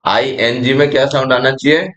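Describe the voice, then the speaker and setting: A young man with an Indian English accent teaching phonics in a classroom style, spelling out letters and sounds slowly and calling his learners "beta". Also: medium pitch, fairly even intonation, fairly bright tone.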